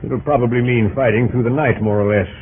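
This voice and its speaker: A man's voice: medium pitch, fairly even intonation, fast talker, lightly acted. General Grant, clipped and commanding male actor, tinny radio. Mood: sober reporting. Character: brisk, plain-spoken American army general in command. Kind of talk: 1940s radio acting. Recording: old noisy radio, phone-like band.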